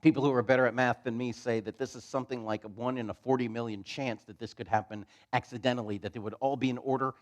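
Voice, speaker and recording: A man's voice: medium pitch, fairly even intonation, quick pace, few pauses. Man preaching a conversational sermon. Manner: conversational, retelling scripture in casual modern phrasing. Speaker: pastor. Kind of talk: expository sermon. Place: church.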